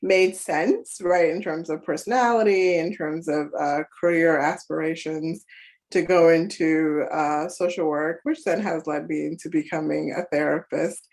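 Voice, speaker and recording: A Ghanaian therapist appearing as a podcast guest speaks in a low, darkish voice with fairly even intonation and a measured pace. Talkative in this casual interview, she often tacks on "right?" and trails off with fillers.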